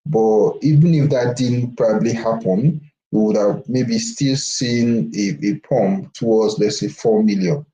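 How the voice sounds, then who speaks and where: A man speaks over a video call with a low, mellow voice. He talks through trades loosely, restarting phrases and tagging them with "right?". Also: unhurried, lo-fi sound. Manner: loose talk with frequent restarts and "right?" tags. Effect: voice heard over a video call. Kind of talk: casual market discussion.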